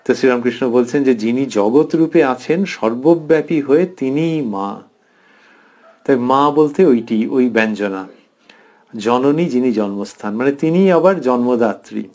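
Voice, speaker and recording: A middle-aged man giving a spiritual lecture in an earnest, unhurried way. He reads quoted lines from scripture and then explains each one. His voice sits at an ordinary middle pitch. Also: animated, darkish tone. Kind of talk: devotional scripture commentary.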